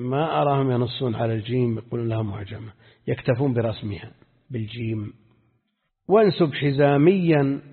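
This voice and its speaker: A man's voice: mid-range voice, husky. A man, a sheikh, teaching a classical lesson, who repeats verse lines and questions his students as he explains. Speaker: sheikh teaching hadith terminology. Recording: tinny phone-like audio with long reverb.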